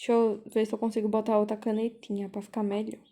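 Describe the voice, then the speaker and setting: A woman teaching a language class over a video call, explaining slowly and patiently, repeating key points and checking in with the students. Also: mid-range voice, little pitch movement, warm tone. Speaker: volunteer teacher.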